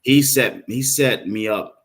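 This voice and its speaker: A playwright in his fifties from Florida, speaking with a Southern accent, appears as a guest on a casual podcast interview. His medium-pitched voice moves slowly as he tells lively stories and acts out the voices he quotes.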